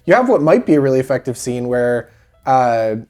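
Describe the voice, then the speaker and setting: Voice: medium pitch, big pitch swings, fairly quick, a little mellow. A co-host on a casual film-review podcast, thoughtful, talking in long run-on stretches with frequent restarts.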